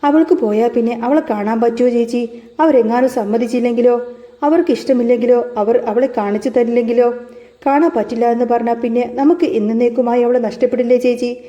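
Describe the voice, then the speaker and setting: A distraught young woman asking anxious, pleading questions, as a woman narrator reads her part. The voice sits a little high but very dark and mellow. The recording is slightly dull and lo-fi. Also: steady tone, a little fast, lightly acted. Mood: tearful, anxious.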